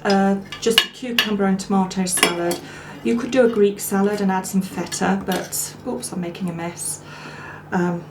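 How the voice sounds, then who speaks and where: A woman hosting a home cooking demonstration in her kitchen, chatty and homely as she cooks and tastes. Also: medium pitch. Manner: chatty and homely, talking while cooking and eating. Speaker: cooking show host. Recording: echoey room with clear background noise. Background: clatter of dishes and cutlery.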